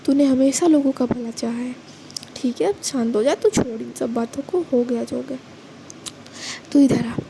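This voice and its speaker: A woman voicing a caring older sister who soothes her sibling in a soft, fond tone in a storybook reading. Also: sits high, steady tone, moderate pace, vocal fry, a little hiss or hum. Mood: soothing. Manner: soft, comforting, scolding fondly.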